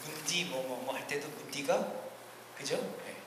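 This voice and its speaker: A man preaching as a pastor, teaching a church seminar in a large hall, earnest and swinging between emphatic rises and quiet asides. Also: fairly high pitch, unhurried. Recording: echoey hall, distant ambient noise.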